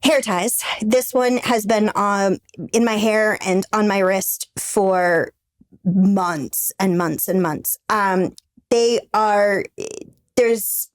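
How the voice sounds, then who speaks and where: A woman's voice: mid-range voice, very slow. Chatty woman guest on a podcast. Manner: chatty, lots of fillers and restarts. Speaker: brand founder guest. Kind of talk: casual podcast chat.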